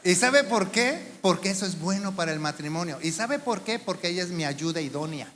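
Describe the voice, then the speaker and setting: A man preaching a sermon as pastor, animated, asking rhetorical questions and acting out the voices of the people he quotes. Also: sits high, fairly quick. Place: church sanctuary. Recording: church hall reverb with faint room noise.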